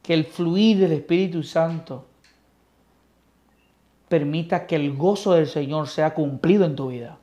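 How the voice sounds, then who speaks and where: A man's voice: fairly high pitch, unhurried, long pauses. Man teaching Scripture expressively. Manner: expressive, swings between loud emphasis and soft near-whispers. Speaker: Bible teacher. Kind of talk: Bible study preaching.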